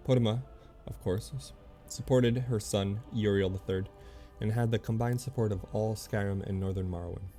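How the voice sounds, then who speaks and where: A man streaming a game, reading its lore aloud in a halting way, often stumbling and correcting himself. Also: fairly low pitch, fairly even intonation, dark tone, soft background music.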